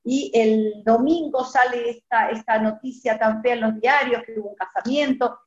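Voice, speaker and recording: An older woman, telling a personal story to a women's group and acting out the dialogue in a lively way. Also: moderate pace, roomy sound, dull audio. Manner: animated, acts out quoted dialogue with rising pitch. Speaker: community speaker.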